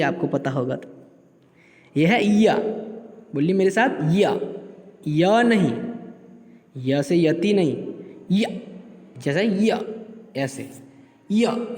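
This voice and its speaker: A man teaching a school lesson, slowly and deliberately reading out letters and repeating them for the pupils to follow. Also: on the high side, darkish tone, reverberant, big-room sound.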